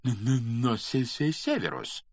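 A man's voice: mid-range voice, measured pace, vocal fry, no room sound, clean studio sound, pitched above the performer's own voice. A man voicing a nervous male professor who stutters heavily through every word. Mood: terrified stammering. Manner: stammers heavily.

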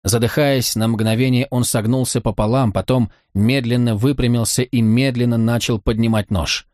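A man reading a first-person audiobook in a measured, tense storytelling manner. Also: mid-range voice, fairly even intonation, darkish tone, no echo, clean studio sound. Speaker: narrator.

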